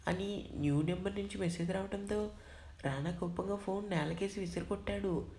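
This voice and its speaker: A woman's voice: mid-range voice, mellow. Woman narrating an audio story.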